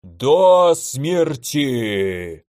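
A man voicing a huge, furious male fire elemental who roars slowly and heavily in a storybook reading. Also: mid-range voice, very animated, darkish tone, no room sound, clean studio sound. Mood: enraged. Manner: slow roaring bellow.

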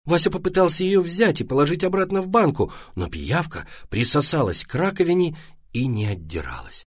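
A man narrating a children's story in an expressive, lively reading style. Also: a little high, a little fast, dry recording, studio quality.

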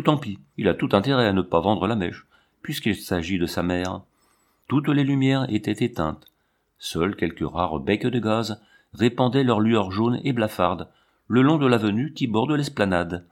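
A man narrating a classic novel in an audiobook. His voice sits on the low side and he keeps a steady, measured storytelling pace. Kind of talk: scripted narration.

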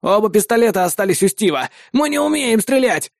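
A man voicing a defiant, grumpy old male hostage who talks indignantly and excitably. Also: sits high, fairly quick, creaky, dry recording, studio quality, pitched above the performer's own voice, full character voice. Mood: agitated.

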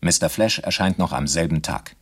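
A man narrating an old radio play in a measured, gently ironic tone. His voice is low, with a husky grain. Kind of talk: scripted radio drama narration.

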